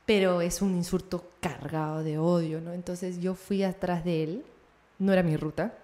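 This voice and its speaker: A young woman with a Peruvian Spanish accent telling a road story in casual chat, animated and often laughing. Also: lowish voice, moderate pace. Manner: animated, laughing, acts out voices in her anecdotes.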